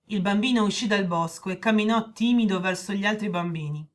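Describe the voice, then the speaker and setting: A woman narrating a children's story in a clear, measured way. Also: mid-range voice.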